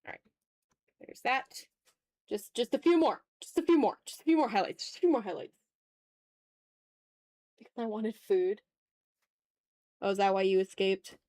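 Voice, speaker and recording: Her medium-pitched, slightly mellow voice moves at a moderate pace with frequent pauses, captured in a dry recording. The woman hosts an art livestream and chats informally while drawing, half to herself and half to viewers, in a self-critical mutter.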